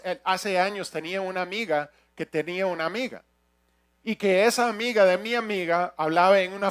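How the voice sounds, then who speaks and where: A man preaching a sermon as a pastor, earnest and emphatic, his loudness rising and falling. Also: high-pitched.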